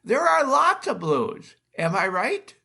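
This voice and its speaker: A man speaks slowly and thinks out loud, his pitch swinging up and down with a lot of life. His chuckling asides keep the conversation loose and casual. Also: huge pitch swings, vocal fry, husky. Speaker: podcast host.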